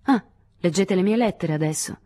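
A resentful lover, sharp-tongued and short with his words, as a woman reading an audiobook voices him. The voice sits low and dark with a husky grain, recorded close and dry. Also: sing-song, brisk, heavily acted. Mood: irritated. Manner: curt and irritated, then suddenly tender. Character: resentful American man, the narrator's lover.

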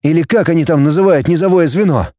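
A man's voice: a little high, fast talker, dark tone, no echo, clean studio sound, voice pushed up, close to an everyday voice. A man voicing a determined, earnest young hero in an audiobook.

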